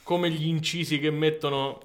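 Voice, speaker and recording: A man's voice: fairly high pitch, steady tone, normal speed. A man co-hosting a casual radio-studio chat, full of teasing banter. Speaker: podcast co-host.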